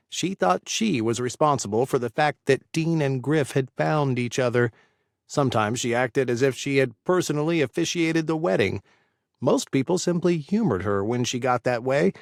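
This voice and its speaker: A male narrator reading an audiobook at a mid pitch. His delivery is steady and measured, in a dry, close sound. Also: vocal fry, no echo.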